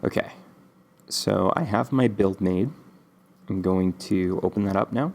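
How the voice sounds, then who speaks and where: The host of a casual screen-recorded game development coding tutorial is a man with a very low, gravelly voice, stuffy from a cold. He's easygoing and unhurried, rambling along with many ums.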